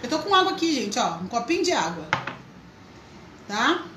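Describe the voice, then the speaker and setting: Female craft host, high and bright, chatty, in an echoey room. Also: very animated, normal speed, background noise. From Brazil. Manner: chatty, greets viewers by name. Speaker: craft teacher, live stream host. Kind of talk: live craft tutorial.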